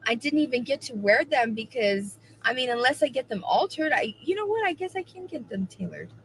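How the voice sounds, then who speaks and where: Bright-voiced woman in her forties. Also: high-pitched, big pitch swings, brisk, slight background noise, poor audio. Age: 40s. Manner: emphatic, repeats herself for effect. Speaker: co-host of a livestream. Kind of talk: casual livestream chat.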